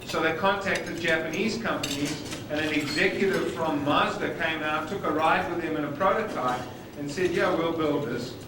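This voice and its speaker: At a normal speed, a man with a South African accent presents at a conference, his voice on the high side and his key words stressed emphatically. The old videotape recording was made from afar in an echoey hall, with dining noise behind him.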